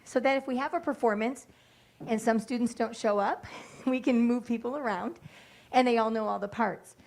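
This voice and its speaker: A woman music teacher with a fairly high-pitched, darkish voice explains a piece and directs her students in a school board meeting room. Her classroom instruction is brisk and directive.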